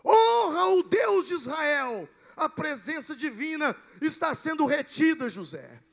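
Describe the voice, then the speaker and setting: A man voicing an aged male prophet who calls out loudly and pleads with commanding force during a sermon. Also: extremely high pitch, very animated, measured pace, vocal fry, exaggerated voice. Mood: pleading, commanding. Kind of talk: dramatized sermon quote.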